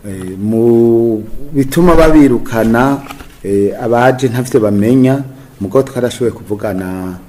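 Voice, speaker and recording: A man, a local governor, giving an official interview statement in a halting way with filler sounds. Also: medium pitch, warm tone.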